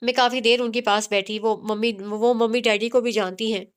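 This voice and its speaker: A woman's voice: on the high side, steady tone, clean tone, lightly acted. A woman voicing an innocent young woman in a story, speaking naively and asking many questions. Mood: curious.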